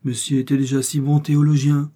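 A man's voice: on the low side, level tone, moderate pace, mellow, close to an everyday voice. A man voicing a mournful, devout male servant who speaks plaintively. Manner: plaintive, sighing.

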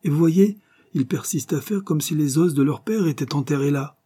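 A man voicing a burly mustached dig foreman who answers in strained, half-whispered shouts. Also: on the low side, slow pace, breathy edge. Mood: exasperated.

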